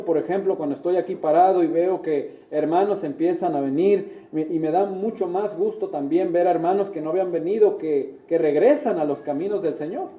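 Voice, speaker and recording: A man preaching a sermon as pastor, earnest, often turning to his listeners with "¿verdad?". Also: high voice. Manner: earnest, addresses listeners as brothers, frequent "¿verdad?". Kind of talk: sermon with prayer. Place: church sanctuary. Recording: echoey church room, tinny phone-like sound.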